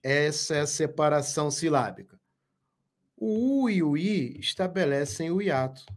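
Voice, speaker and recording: A man teaching a live online grammar lesson, speaking slowly and emphatically, repeating key words and asking viewers questions. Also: a little high, animated. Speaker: Portuguese teacher.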